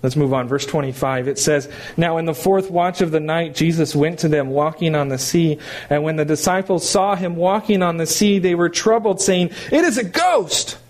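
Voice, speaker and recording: A middle-aged man preaching a sermon, emphatic and animated, with rhetorical questions and small restarts. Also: a little high, normal speed. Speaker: pastor.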